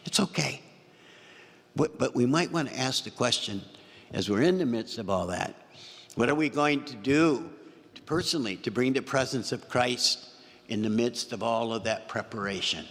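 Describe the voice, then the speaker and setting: Gravelly-voiced pastor in a reverberant church. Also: male voice, medium pitch, lively intonation, normal speed, long pauses, a bit bright. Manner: storytelling homily, repeats phrases for emphasis. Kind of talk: sermon.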